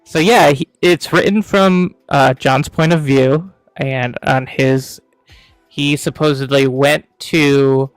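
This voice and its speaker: A man's voice: medium pitch, clean tone, no echo. A man co-hosting a casual book review show, chatty, laughing often and tripping over hard words. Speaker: podcast co-host.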